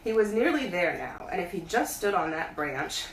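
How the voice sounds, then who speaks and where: Woman storyteller, highly varied intonation, reading bedtime tales, set back from the mic with slight hiss. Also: very animated, moderate pace. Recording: echoey room, distant mic, faint hiss.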